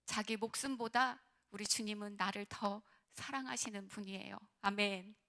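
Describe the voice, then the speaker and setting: A woman pastor preaching a sermon to young adults, asking them direct questions and swinging from soft near-whispers to loud, fervent passages. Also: mid-range voice, steady tone, moderate pace. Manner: talks directly to listeners, asks questions.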